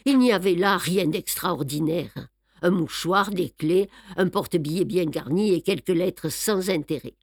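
Woman reading a mystery novel aloud, slow and even, lowish voice. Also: slightly rough, no room sound, clean studio sound. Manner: measured, even storytelling. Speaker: audiobook narrator. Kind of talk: scripted first-person narration.

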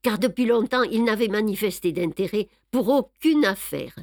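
A woman narrating a novel in the first person with a measured, even storytelling manner. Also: medium pitch, no echo, clean studio sound. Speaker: audiobook narrator.

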